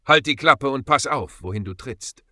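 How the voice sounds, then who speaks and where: A man voicing a gruff, self-assured male mercenary leader who swears. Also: medium pitch, expressive, moderate pace, bright, forceful tone, dry recording, clean studio sound, voice pushed up.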